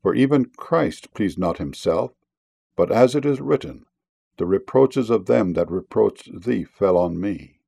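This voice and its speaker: A man reading King James scripture verses aloud in a solemn, measured, unhurried way. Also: fairly low pitch, lively intonation, creaky, mellow, slightly rough. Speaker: scripture reader.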